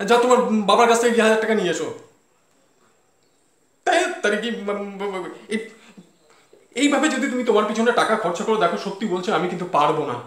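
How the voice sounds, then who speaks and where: An actor playing a flustered, penny-pinching office-going husband in a comedy sketch, calling out frantically and complaining indignantly. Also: male voice, high-pitched, lively intonation, fast talker, long pauses, fairly bright tone. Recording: echoey room.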